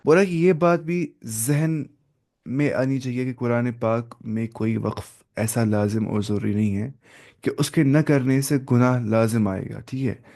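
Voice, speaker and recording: Gravelly-voiced man teaching a recitation lesson. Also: mid-range voice, a little slow, dark tone. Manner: repeats points, mixes in English words. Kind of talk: explanatory lesson.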